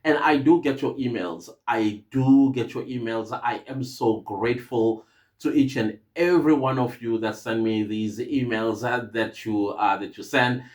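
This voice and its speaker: A man's voice: mid-range voice, a little slow. Earnest South African man, rambling podcast host. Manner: earnest, rambling, many hesitations and restarts. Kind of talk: casual podcast monologue.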